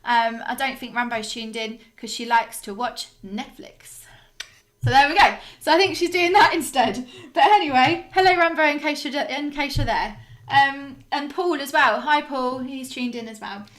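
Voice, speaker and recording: A woman's voice: high-pitched, moderate pace, a bit bright. A female band singer chatting casually on a video-call live stream, reading out viewer comments with frequent "um"s. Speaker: lead singer of a soul band.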